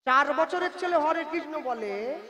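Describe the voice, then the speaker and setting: Male kirtan preacher, emphatic and scolding, high-pitched voice, long hall reverb, music behind. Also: animated, measured pace, bright, forceful tone. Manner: emphatic, scolding preacher who chants lines for a chorus. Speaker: kirtan performer. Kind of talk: devotional sermon with sung verse.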